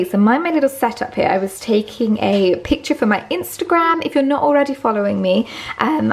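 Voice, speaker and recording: A woman's voice: a little high, slight background noise. Chatty young woman vlogging. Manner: chatty, frequent ums and likes. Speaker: lifestyle vlogger. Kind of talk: casual home vlog chat. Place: at home.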